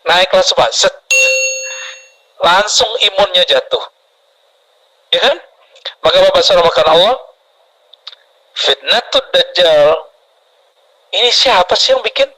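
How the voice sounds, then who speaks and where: A man preaching a sermon to a congregation, lively and often putting questions to the audience. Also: sits high, unhurried, long pauses, low-quality recording. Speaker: Islamic preacher.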